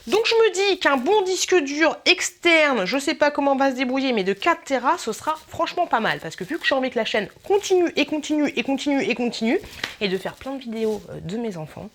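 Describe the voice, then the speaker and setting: A woman's voice: sits high, big pitch swings, fast. A woman YouTuber talking through her wishlist in a casual vlog, chatty and playful, rambling with filler asides.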